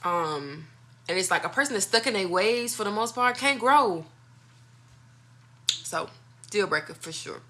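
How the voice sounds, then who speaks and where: A woman's voice: mid-range voice, lively intonation, measured pace, pauses often, pushed and bright. A woman talking casually and candidly to viewers as a video host, giving her opinions in informal, slangy speech.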